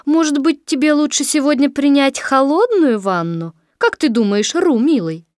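Storybook mother kangaroo acted by a woman: high voice, cheerful, coaxing and briskly firm, dry close recording. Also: lively intonation, darkish tone, dry recording.

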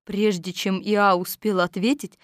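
A woman narrating a children's story aloud in a flowing, gentle way. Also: mid-range voice, little pitch movement, measured pace, no room sound, studio quality. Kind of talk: audiobook reading of a children's story.

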